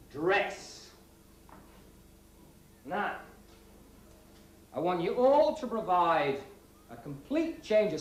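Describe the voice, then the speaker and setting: An actor playing a middle-aged schoolteacher, strict but joking, with an emphatic, lively delivery in a 1980s TV drama. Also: male voice, high-pitched, slight background noise, full character voice. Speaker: schoolteacher briefing his pupils. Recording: roomy TV soundtrack with music behind.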